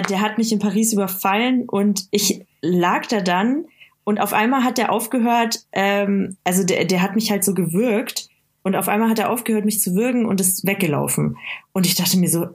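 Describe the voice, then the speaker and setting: A woman recounting a personal experience in a casual conversation, pausing often with fillers and starting sentences over. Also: medium pitch, breathy edge. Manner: halting, many fillers and restarts. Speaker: interview guest.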